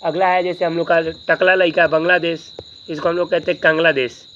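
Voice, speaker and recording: A man's voice: on the high side, level tone, brisk, bright, forceful tone, dull audio, a little hiss or hum. Man teaching grammar, question-and-answer drill. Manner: repeats questions to the class and answers them himself; joking asides. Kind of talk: grammar lesson.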